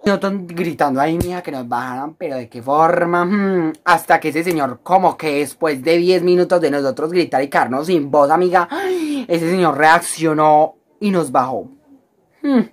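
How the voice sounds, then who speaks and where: A woman's voice: low-pitched, moderate pace. A woman with a Colombian accent telling a storytime vlog in a dramatic, exaggerated, slangy way, talking to the viewer like a close friend. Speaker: vlogger.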